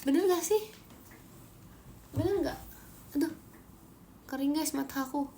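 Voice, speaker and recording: A young Indonesian woman hosting an idol livestream chats casually in a high, bright voice, giggling and tossing off quick asides as she reacts to viewer comments. She's close to a phone mic, with faint room noise behind her.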